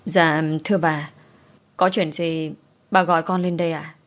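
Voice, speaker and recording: A woman's voice: sits low, fairly even intonation, measured pace. A woman voicing a young maidservant who speaks politely and deferentially. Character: young maidservant, meek but quick-witted.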